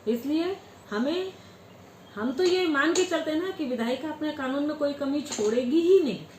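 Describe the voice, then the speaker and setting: A woman's voice: high-pitched, normal speed, a little hiss or hum. Hindi-speaking woman lecturing on law. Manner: poses questions and answers them herself. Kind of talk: classroom lecture. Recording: echoey room with faint ambience.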